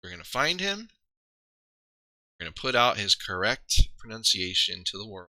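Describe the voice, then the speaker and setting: A man on a live stream, chatting in a loose, rambling way and laughing at his own slips. His voice is very bright and forceful and a bit low for a man. It is recorded dry and close, with no room sound. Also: big pitch swings, moderate pace, no room sound. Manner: rambling, self-deprecating, trails off and restarts. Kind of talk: casual live-stream commentary.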